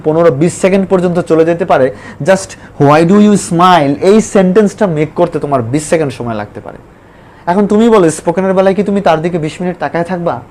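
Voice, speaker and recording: A man teaches spoken English in an online lesson. He talks emphatically and repeats points, then slows right down to spell out English examples. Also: on the high side, darkish tone.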